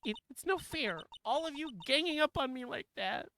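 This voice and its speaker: Woman doing a high, whiny young woman witness, coy sing-song, bright tone, lively. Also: moderate pace, a little hiss or hum. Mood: shrill outrage. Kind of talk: live game voice-over reading.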